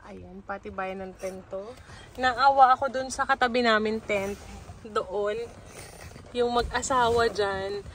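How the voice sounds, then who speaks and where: A woman in her thirties with a Filipino accent, vlogging her family's camping trip and mixing Tagalog with English in a calm, reassuring way. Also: medium pitch, slow, slight background noise. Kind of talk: casual vlog narration. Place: campsite in heavy rain and wind, then inside a car.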